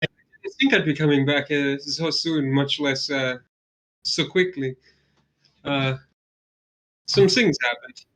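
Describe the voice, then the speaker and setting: A male player with a bright, tense voice pitched a little high. He speaks playfully, slipping into theatrical character speech. Recorded on a desk mic during an online session. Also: fairly even intonation, takes it slowly, pauses often. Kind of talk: playing a tabletop game, casual chat.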